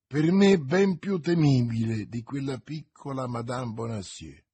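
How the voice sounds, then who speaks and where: A man's voice: mid-range voice, measured pace, warm tone, breathy edge, dry recording. A man voicing a cunning, vengeful noblewoman in an audiobook, speaking insistently and vehemently. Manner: insistent, vehement, raised intense delivery. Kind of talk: audiobook character reading.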